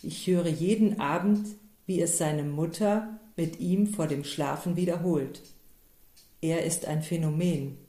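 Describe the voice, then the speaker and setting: A woman reading the lines of a big, gruff, proud male village mayor who sounds gloomy and blustering. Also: sits low, unhurried, mellow. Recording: roomy echo.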